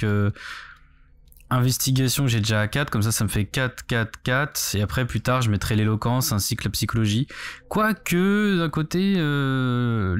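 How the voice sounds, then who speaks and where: A man's voice: medium pitch, smooth. A man giving casual let's play commentary as a game streamer, thinking aloud as he goes.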